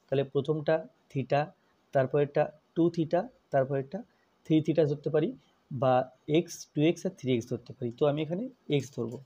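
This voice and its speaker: A man's voice: a little high, a little fast, mellow, slightly rough, muffled recording. A man teaching a math lesson, working through each step methodically and repeating it as he goes.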